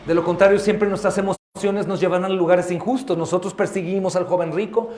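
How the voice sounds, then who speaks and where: A man's voice: high-pitched, steady tone, brisk, a little mellow, roomy sound. A male pastor preaching a sermon with fervor, often acting out other people's voices in the scenes he tells. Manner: fervent preaching, acts out voices in quoted scenes. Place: church sanctuary.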